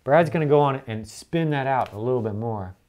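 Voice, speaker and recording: Earnest church elder preaching with lively pitch. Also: a little fast. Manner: earnest, emphatic repetition.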